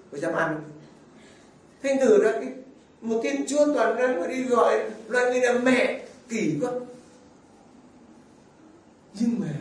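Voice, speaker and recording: High-voiced priest preaching in an echoey church. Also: male voice. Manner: asks the congregation rhetorical questions. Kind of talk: sermon. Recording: very echoey, far from the mic, faint ambience.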